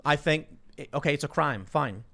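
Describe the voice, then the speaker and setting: A man hosting a live talk show, briskly reading viewer messages aloud and responding. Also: on the high side, lively intonation, vocal fry, sharp tone. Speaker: host.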